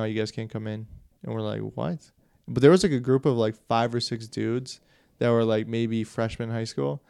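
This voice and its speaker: Gravelly, mellow young man chatting. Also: mid-range voice, no room sound, clean studio sound. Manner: laid-back, slangy, quick agreeing replies. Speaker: podcast co-host. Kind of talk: casual chat.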